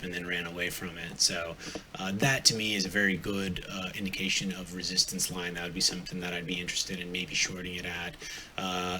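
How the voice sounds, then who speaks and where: A man's voice: sits low, pushed and bright. A man hosting a live trading stream, casually thinking aloud through charts with lots of fillers and restarts. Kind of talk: live forex chart walkthrough. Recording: noisy live stream audio.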